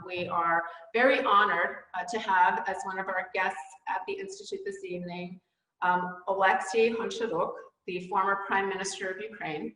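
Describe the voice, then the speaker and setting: A woman's voice: medium pitch, fairly bright tone. A middle-aged woman hosting a virtual gala, thanking guests and announcing the next steps with many ums and uhs. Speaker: gala host. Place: wood-panelled indoor hall. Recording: roomy hall with long reverb.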